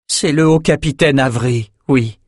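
A man's voice: mid-range voice, normal speed, no room sound, clean studio sound, pitched above the performer's own voice, lightly acted. A man voicing a frightened, distraught palace guard in an audiobook, urgent and pleading. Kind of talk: audiobook character voice.

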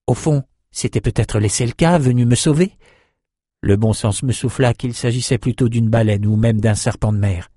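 A man's voice: medium pitch, dark tone, breathy edge, no room sound, studio quality, close to an everyday voice. A man reading the part of a young male islander who tells, half mocking himself, how he was lost at sea. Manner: earnest, self-mocking storytelling. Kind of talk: audiobook character reading.

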